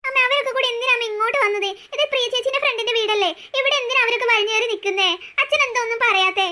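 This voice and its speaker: A woman's voice: very high voice, racing, sharp tone. A woman doing a bold, indignant cartoon girl. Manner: indignant, plotting. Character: bold clever young girl, protective big sister. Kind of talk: cartoon voice acting.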